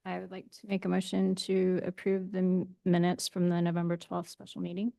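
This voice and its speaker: A woman's voice: lowish voice, completely flat delivery, fairly quick, gravelly, dark tone. A woman commissioner making brief, formal motions at a public meeting.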